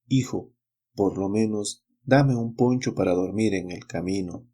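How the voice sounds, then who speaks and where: A man voicing a humble, gentle old grandfather in a storybook reading. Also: lowish voice, a little slow. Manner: humble, soft-spoken.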